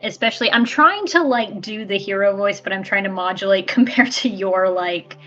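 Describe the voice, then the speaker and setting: A woman's voice: mid-range voice, normal speed, a bit bright, highs cut off. A woman co-hosting a game stream in casual chat over a voice call. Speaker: stream co-host. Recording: band-limited voice chat, music behind.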